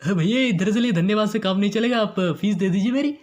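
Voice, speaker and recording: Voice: mid-range voice, quick pace, a little mellow, a little hiss or hum, natural voice. A performer voicing a sly young man posing as a doctor who teases his patient with a chuckle in a comedy audio serial. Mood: wheedling. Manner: mocking, chuckling, smooth-talking.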